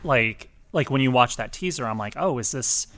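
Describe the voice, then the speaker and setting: A man's voice: mid-range voice, expressive, normal speed, a bit bright. A man co-hosting a music podcast, chatting casually and rambling with lots of fillers. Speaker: podcast co-host. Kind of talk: casual chat.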